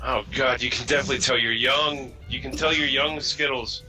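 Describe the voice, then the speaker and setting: A man's voice: medium pitch, steady tone, a little fast, bright, forceful tone, faint music behind, rough recording. A man hosting a casual podcast chat, from the US East Coast, talking bluntly and rambling through stories. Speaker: podcast host.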